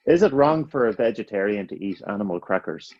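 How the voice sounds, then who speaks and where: A man co-hosting a casual podcast, firing off quick questions and cracking jokes with frequent laughs. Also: on the low side, no room sound, lo-fi sound. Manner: jokey, laughs often. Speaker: podcast co-host.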